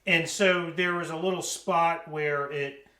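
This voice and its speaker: A man's voice: on the high side, steady tone, measured pace, pushed and bright. A man from the American South with a slight Southern accent, demonstrating woodworking casually and rambling with joking asides. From Southern United States. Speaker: woodworking instructor. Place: woodworking shop. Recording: echoey shop, distant mic, background noise.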